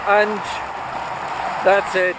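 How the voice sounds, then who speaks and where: A man vlogging casually while riding a trike along a highway, halting with many fillers and making sarcastic jokes about bumpy roads. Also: monotone, background noise. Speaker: travel vlogger. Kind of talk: casual commentary while driving.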